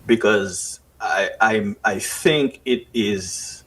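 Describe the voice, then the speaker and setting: Drawing out his words in a lowish, fairly bright voice with a breathy edge, this Dominican man, raised in the Dominican Republic and speaking with its accent, comes across as earnest and reflective. He appears on a radio talk show, from a studio or a remote call, as a writer and member of a festival committee, and he sometimes restarts his thoughts.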